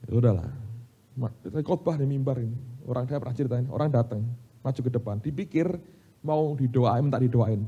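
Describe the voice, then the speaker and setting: Indonesian pastor preaching with animated delivery. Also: male voice, mid-range voice, husky. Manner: animated storytelling, addresses congregation as "saudara". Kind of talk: sermon. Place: church sanctuary.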